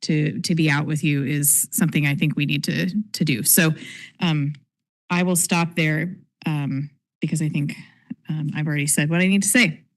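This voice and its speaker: A woman on a city council speaking in a halting way with repeated fillers during a meeting in a council chamber. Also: deep voice, fairly even intonation.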